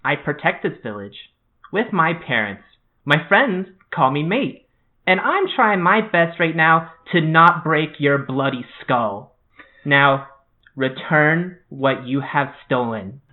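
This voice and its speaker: A small male mandragora guardian, voiced high and formal, as a man puts him on. His speech is polite even when he is stern. The sound is tinny and narrow, like a phone call. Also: takes it slowly.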